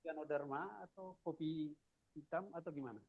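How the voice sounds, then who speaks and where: A man's voice: on the high side, normal speed, breathy edge. A man calling in to ask questions, speaking hesitantly with many fillers over a phone-like line. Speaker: caller asking questions. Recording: phone-like call audio.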